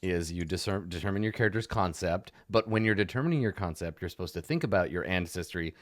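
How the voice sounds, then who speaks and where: Deep voiced guy game mastering, casual rules talk, jokey, very dry close sound. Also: lively intonation, quick pace, no room sound.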